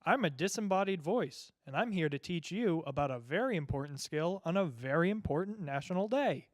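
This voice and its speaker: In a clean studio recording with no room sound, a man with a natural, somewhat high voice and lively intonation plays a cheerful disembodied teacher for a parody how-to video. He speaks slowly and simply, patiently encouraging the listener as if talking to a child, while music plays behind him.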